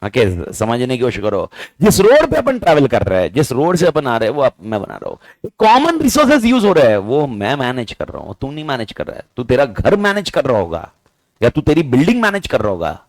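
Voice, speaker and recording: A male teacher lecturing a class with a very lively, swooping delivery. He keeps questioning the students and slips into casual slang. The sound is close and dry. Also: mid-range voice, fairly quick, no echo. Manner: questioning, mixes Hindi and English, playful slang.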